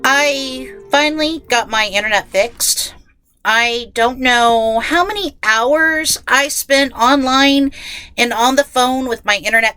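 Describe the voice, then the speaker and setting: A woman hosts a casual, chatty solo podcast from inside a closet, rambling along self-deprecatingly while getting over a head cold. Her high voice sounds sharp, nasal and stuffed-up, with no room sound.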